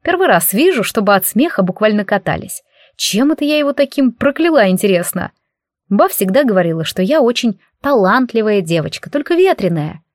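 A woman's voice: medium pitch, big pitch swings, a little fast, no echo, studio quality. A woman narrating a comic fantasy audiobook in first person, with a wry, ironic manner.

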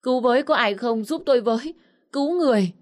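A woman voicing a terrified aging female housemaid who shouts and pleads for help. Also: on the low side, expressive, normal speed, slightly rough. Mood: screaming for help.

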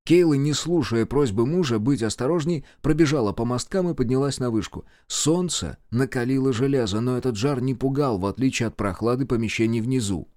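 A man narrating a horror audiobook in a dramatic, expressive way. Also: medium pitch, brisk, few pauses, no echo, studio quality. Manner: dramatic, acts out characters.

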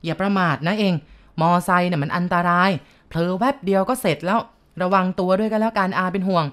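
A woman's voice: fairly low pitch, fast, natural voice. A woman voicing a blunt middle-aged man who scolds coarsely. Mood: gruff.

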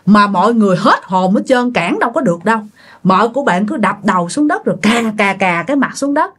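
A woman retelling a ghost story, speaking directly to her listeners in an animated way. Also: medium pitch, brisk, breathy edge.

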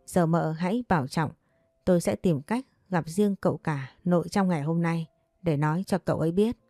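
A woman reads as a shrewd village herb doctor, grave and measured, with a low, mellow tone and a dry, close sound. He weighs every word as he gives his warnings. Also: no room sound, soft background music. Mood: grave, advising.

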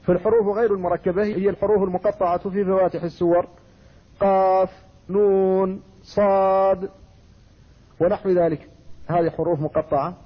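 A male scholar from Mauritania lectures in a measured, explanatory way, his voice set high with a husky, breathy grain. The recording is dull and lo-fi, as if the highs were shaved off. He moves steadily from rule to example like a patient teacher. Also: fairly even intonation. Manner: measured, explanatory, reciting quoted verses and poetry. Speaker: Islamic scholar teaching Quran recitation. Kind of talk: classroom lecture.

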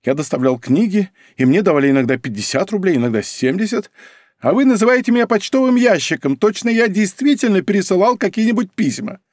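A man reading an audiobook voices a nervous, cowardly male bookshop clerk who whines and mutters in a husky voice. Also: high-pitched, animated, quick pace, darkish tone, no room sound, studio quality, pitched above the performer's own voice. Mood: whining. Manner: whining, muttering, protesting. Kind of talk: audiobook character voice.

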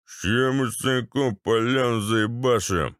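A man voicing a drunk, boorish ex-paratrooper with a bassy, slurred, swaggering delivery. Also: unhurried, fairly bright tone, clear, resonant tone, no room sound, clean studio sound, natural voice. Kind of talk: audiobook character voice.

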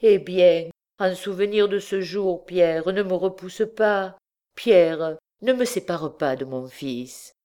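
A woman's voice: lowish voice, takes it slowly, dark tone, smooth, voice pushed up. A woman voicing a desperate mother who pleads with her bandit husband, speaking emotionally and breathlessly.

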